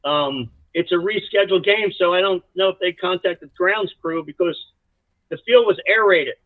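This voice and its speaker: A college soccer coach from South Jersey, USA, appears as a guest in a casual storytelling interview, rambling through animated anecdotes with many restarts. His voice is high-pitched at a normal speed. The line is dry and tinny, phone-like, with no room sound.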